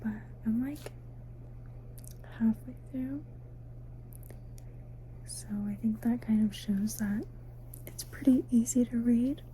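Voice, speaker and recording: A woman giving a soft, sleepy, casual ASMR ramble, mostly in a breathy whisper, unhurried and intimate as if talking to the listener. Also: a little high, a little hiss or hum, rough recording. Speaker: ASMR host. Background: faint night ambience, crickets outside.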